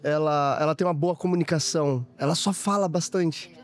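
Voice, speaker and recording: A man's voice: fairly high pitch, a little fast, faint music behind. A man hosting an interview, reacting with enthusiasm to his guest. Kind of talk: podcast interview.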